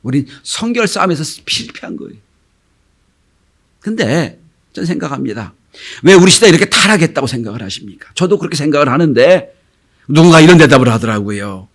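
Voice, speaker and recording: A man's voice: a little high, fairly quick. A middle-aged man preaching a sermon as pastor, telling stories and acting out the voices of the people in them, sometimes dropping to a whisper. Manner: animated storytelling, acting out quoted voices; drops to a whisper for emphasis.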